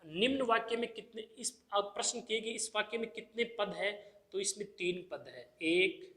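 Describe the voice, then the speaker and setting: A man's voice: high voice, normal speed, a bit bright. A male teacher giving an exam-prep grammar lesson, who asks the class questions and answers them himself, repeating the key terms. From India.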